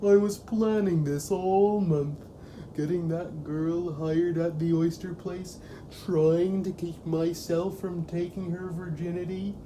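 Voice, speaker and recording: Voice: medium pitch, fairly even intonation, takes it slowly, mellow, a little hiss or hum, close to an everyday voice, low-quality recording. An actor in a comedic audio drama playing an ancient evil pumpkin-headed monster, melodramatic, sulky and sentimental, with theatrical self-pitying speech.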